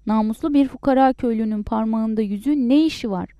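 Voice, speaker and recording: A woman voicing a furious, sharp-tongued poor peasant wife who scolds loudly in a raised, shrill voice. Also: quick pace, dry recording, muffled recording, lightly acted. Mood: scolding.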